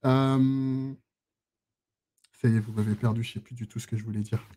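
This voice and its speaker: A man's voice: medium pitch, fairly even intonation, moderate pace, dark tone. A man giving a chatty live-streamed lesson on databases, full of fillers, restarts and self-teasing asides. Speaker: instructor. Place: lives in Switzerland.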